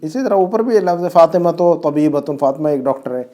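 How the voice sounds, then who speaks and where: A man's voice: on the high side, lively intonation, dark tone. A man teaching a grammar class at home, drilling his students with repeated questions and frequent checks that they follow. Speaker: Arabic teacher. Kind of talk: classroom lesson.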